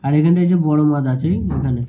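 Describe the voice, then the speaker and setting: A man with a very dark, mellow voice teaches a Quran reading lesson, speaking a little higher than most men. He sounds out each syllable slowly and patiently, then explains the rules in a calm teacher's manner. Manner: slow syllable-by-syllable spelling and recitation. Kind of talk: Noorani qaida lesson.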